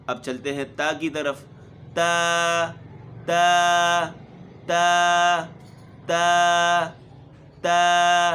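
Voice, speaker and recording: Bright-voiced man teaching letter sounds. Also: mid-range voice, a little hiss or hum. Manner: explains slowly, then sounds out letters loudly and repeatedly. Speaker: Quran recitation teacher. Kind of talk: spoken Quran pronunciation lesson.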